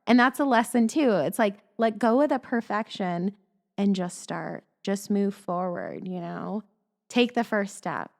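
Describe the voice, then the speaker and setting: A woman's voice: medium pitch, a little slow, creaky, a little mellow. A woman guest on a podcast, talking openly and reflectively in casual chat, laughing often.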